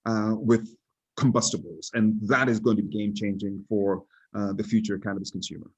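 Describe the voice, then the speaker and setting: Brief: low, husky-voiced male analyst; measured podcast talk with restarts. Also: steady tone, low-quality recording. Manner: deliberate, frequent restarts. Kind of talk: casual podcast discussion.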